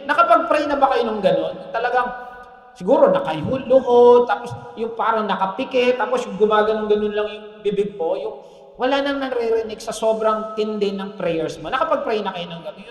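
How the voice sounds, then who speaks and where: High-voiced male preacher in an echoey hall. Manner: conversational, often asks the congregation "Amen?". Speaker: pastor. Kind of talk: sermon. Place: church hall. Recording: echoey hall with long reverb.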